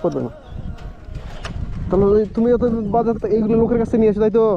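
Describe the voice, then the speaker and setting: A man hosting a vlog, chatting outdoors by the road from his bike, coaxing gently and repeating himself. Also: high voice, racing, a little hiss or hum. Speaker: vlog host. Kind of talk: casual roadside chat. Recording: dull lo-fi audio with music behind.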